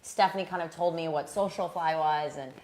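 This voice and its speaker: A woman's voice: deep voice, steady tone, brisk, darkish tone, roomy sound. A woman with a Long Island accent, chatting casually as a guest about the charity event she organizes, earnest and full of "like". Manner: chatty, frequent "like" fillers, earnest. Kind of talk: casual chat.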